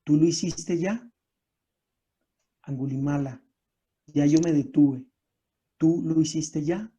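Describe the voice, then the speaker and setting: A man voicing a calm, wise sage in a told story, speaking quietly and measured. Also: a little high, slightly rough, lo-fi sound. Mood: serene. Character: calm wise male sage, gentle and serene.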